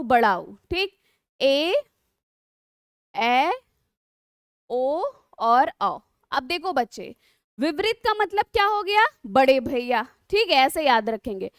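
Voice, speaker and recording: A woman with a very high voice teaches an online exam-prep lesson, drawing out her words and asking her students rhetorical questions. The sound is dry and close, with no room around it. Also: a bit bright, dry recording. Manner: patient, drawn-out explaining with frequent rhetorical questions to students.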